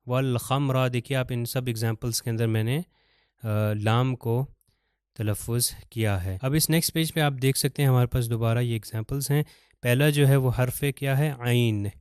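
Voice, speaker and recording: Clear-voiced man teaching recitation. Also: medium pitch, darkish tone, no room sound, clean studio sound. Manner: explains patiently, slows to chant Arabic examples. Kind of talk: step-by-step recitation lesson.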